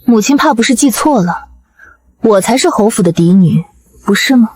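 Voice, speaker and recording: A cunning young noblewoman, played by a woman, mocking her enemies in a calm, measured voice. The tone is somewhat high and husky, with a lively lilt that carries a quiet sneer. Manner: cool, mocking and composed. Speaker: narrator and lead. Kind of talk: period short drama acting with narration.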